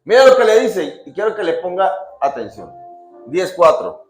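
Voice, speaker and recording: A male pastor preaching a sermon, quizzing the congregation with repeated questions and swinging between loud emphatic lines and quiet drops. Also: sits high, very animated, moderate pace. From Colombia. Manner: call-and-response questions to the congregation. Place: church hall. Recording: echoey church with music behind.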